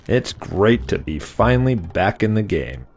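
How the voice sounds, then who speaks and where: A man's voice: lowish voice, sing-song, measured pace, darkish tone. A man playing a wry, cocky veteran secret agent in a spy film. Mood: teasing. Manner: wry, teasing. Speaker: field agent. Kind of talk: scripted dramatic acting in a spy film. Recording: background music under the voice.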